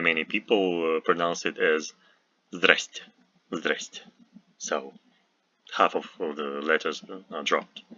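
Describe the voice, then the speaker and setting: Slow, deep-voiced Russian-accented male teacher. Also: bright, forceful tone, no echo, dull audio. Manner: slow and deliberate, with frequent "uh" pauses and repeated example words. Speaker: language teacher. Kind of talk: recorded language lesson.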